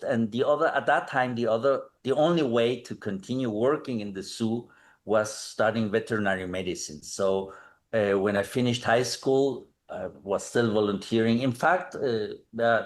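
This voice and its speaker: Speaking in a lowish voice, a middle-aged man from Mexico City who works as a conservation manager responds to an interview with care, often restarting and filling pauses.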